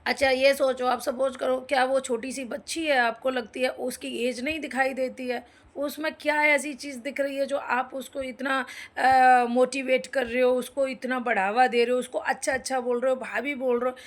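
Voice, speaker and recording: A woman's voice: sits high, flat delivery, moderate pace. A woman ranting to viewers in an indignant, scolding way, talking straight at the people she criticizes. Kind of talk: angry opinion rant to viewers.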